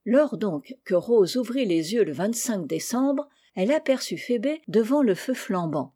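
A woman reading a children's novel aloud in a gentle, even storybook style, lightly voicing the characters' lines. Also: medium pitch, unhurried, breathy edge. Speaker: audiobook reader. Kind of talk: storybook narration.

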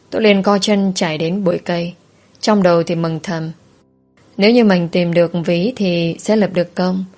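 A woman narrating a first-person story in a slow, soft, somber way. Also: lowish voice.

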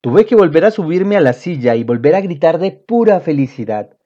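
A woman reading a children's book aloud in an expressive storytelling manner. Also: sits low, moderate pace. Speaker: reader. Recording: dull lo-fi audio.

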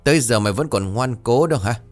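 A man's voice: medium pitch, lively intonation, fast, faint music behind, pitched above the performer's own voice, close to an everyday voice. A man voicing a cruel, arrogant rich landlord villain, harsh and threatening. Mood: scornful.

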